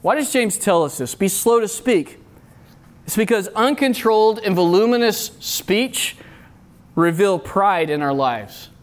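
A man's voice: sits high, lively intonation, a little slow. A middle-aged man preaching a sermon at a youth retreat, earnest and repeating key phrases for emphasis. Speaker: youth pastor. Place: retreat meeting room.

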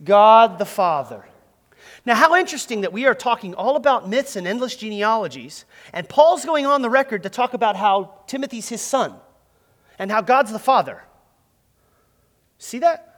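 A young man preaching a lively sermon as pastor, leading his congregation in call-and-response. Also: very high voice, normal speed, long reverb tail. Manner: storytelling with boxing imagery.

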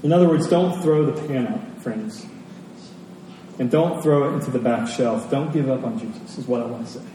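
A man preaches in a warm, medium-pitched voice at normal speed, keeping it conversational and repeating key phrases for emphasis. He's recorded from a distance in a large, very echoey hall, with faint noise present.

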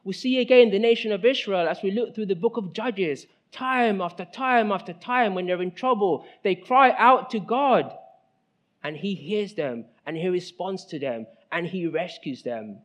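High-pitched guy in his 30s preaching, lots of rhetorical questions, swings loud then hushed. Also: moderate pace. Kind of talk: sermon.

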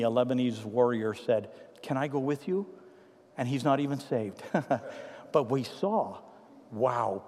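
A man in his sixties preaching a sermon as pastor, telling stories emphatically and swinging between loud declarations and hushed asides. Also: mid-range voice. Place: church sanctuary. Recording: reverberant church hall.

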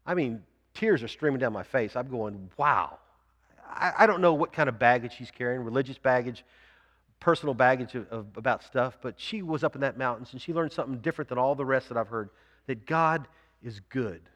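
A male pastor delivering a sermon, talking through a story in an easy, conversational manner. His voice sits at a middle pitch and rings out with a long hall reverb. He often restarts his sentences and uses fillers as he goes. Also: fast talker, a bit bright.

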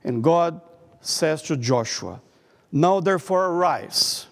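With a fairly high, gravelly voice and lively intonation, a man preaches in English with a Brazilian Portuguese accent as a guest preacher. He reads from notes carefully and haltingly, pausing often, while the church sanctuary adds a long reverb.

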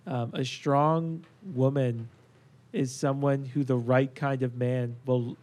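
A man's voice: medium pitch, fairly even intonation, takes it slowly, darkish tone. Earnest man making a point on a podcast. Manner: earnest, emphatic, many fillers. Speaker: podcast host. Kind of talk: casual faith discussion.

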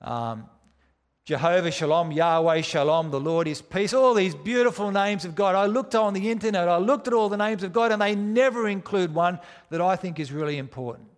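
A man delivers a sermon in an echoing hall with long reverb. His voice is fairly high, and he stresses his phrases dramatically, leaning on repetition and rhetorical questions. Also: animated, moderate pace. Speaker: preacher.

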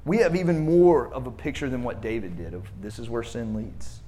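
Male pastor, mid-pitched, preaching casually with rhetorical questions. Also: a little fast, warm tone, slight background noise. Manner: conversational preaching with filler words and rhetorical questions. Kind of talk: sermon.

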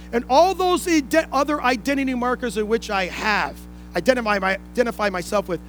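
The audio is poor as a man with an extremely high, fairly bright voice preaches to a congregation in an indoor room. He explains each point in turn, using rhetorical questions and emphatic repetition of key phrases.

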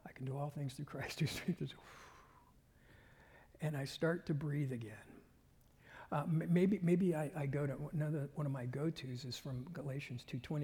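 A man preaching a sermon as pastor, earnest and unhurried, dropping at times to a whisper. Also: a little high, mellow, husky, long reverb tail. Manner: earnest, breath-paced, sometimes drops to a whisper. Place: church sanctuary.

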